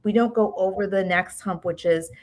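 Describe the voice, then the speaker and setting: New york lady guest, stops and restarts a lot, keeps asking right?, mid pitch. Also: a little mellow. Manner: halting, many fillers and restarts, "right?" tags. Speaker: guest, education expert. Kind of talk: interview conversation.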